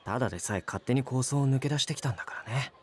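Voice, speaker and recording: A male game actor playing a cool-headed young mafioso, speaking in a controlled, soft, measured way. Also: medium pitch, a little hiss or hum, lightly acted. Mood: cool, protective. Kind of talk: Japanese visual novel game acting. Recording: game audio with music behind. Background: game music.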